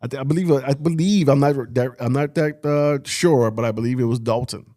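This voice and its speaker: A man's voice: mid-range voice, a little fast, mellow. A man co-hosting a podcast in casual chat, talking with plenty of fillers and restarts. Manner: chatty, hesitant with fillers and restarts. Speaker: podcast co-host.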